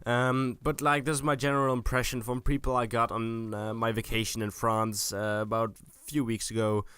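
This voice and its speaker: Young man, hesitant commentary, smooth dry sound. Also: medium pitch, little pitch movement, moderate pace, a bit bright, dry recording. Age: young adult. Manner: hesitant, searching for words. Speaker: video host. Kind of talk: improvised casual video commentary.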